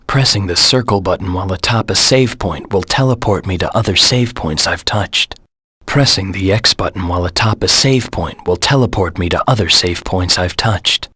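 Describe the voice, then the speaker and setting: Raspy, low, brooding Shadow the Hedgehog. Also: male voice, moderate pace, bright, forceful tone, no echo, full character voice. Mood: stern, matter-of-fact. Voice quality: raspy, gravelly. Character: brooding male anti-hero hedgehog, stern and self-assured. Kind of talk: video game hint voice lines.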